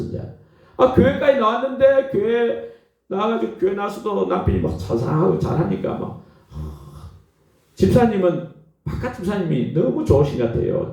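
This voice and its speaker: A male pastor delivers an animated sermon in a warm, gravelly voice that rises and falls a lot as he tells his stories. He keeps checking in with his listeners with a quick "eh?" as he goes. He is picked up from a distance in a very echoey hall, and the sound is dull and muffled. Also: mid-range voice. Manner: animated storytelling, prompts listeners with "eh?".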